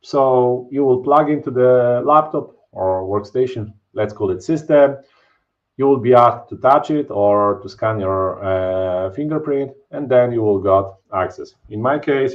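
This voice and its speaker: Presenting a live technical webinar from his home office, a man from Poland with a Polish accent walks viewers through a security topic. His low voice explains things loosely, with fillers and frequent "right?" tags, over a dull, lo-fi webcam video call.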